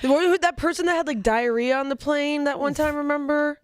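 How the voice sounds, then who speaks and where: A woman's voice: high voice, fairly even intonation, brisk, dry recording, clean studio sound. A woman co-hosting a casual chat, talking loosely with many likes and restarts, a little hungover. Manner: chatty, lots of likes and restarts. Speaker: podcast co-host.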